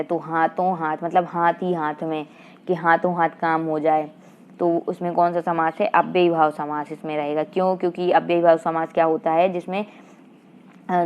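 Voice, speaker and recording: A woman teaching an exam-prep grammar lesson with a Madhya Pradesh Hindi accent, asking rhetorical questions and answering them herself, and reading verse lines slowly. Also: lowish voice. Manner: slow sing-song recitation of verse lines. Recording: dull lo-fi online class audio.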